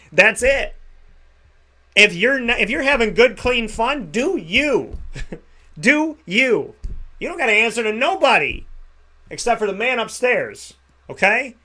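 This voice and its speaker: A man's voice: extremely high pitch, big pitch swings, takes it slowly, long pauses, pushed and bright. A man in his thirties hosting a talk show, giving an emphatic pep talk with repeated phrases. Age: 30s. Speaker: radio show host. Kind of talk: motivational monologue.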